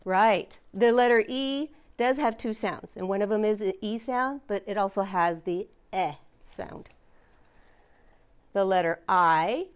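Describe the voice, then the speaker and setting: A woman's voice: medium pitch, a little slow, clean tone. A woman teaching a phonics lesson, patiently sounding out letters and words and encouraging her learners.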